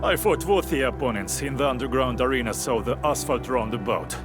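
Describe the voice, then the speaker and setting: A man's voice: medium pitch, a little fast, lightly acted. An actor playing a cocky male arena brawler in a game, swaggering and dismissive. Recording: game audio with music.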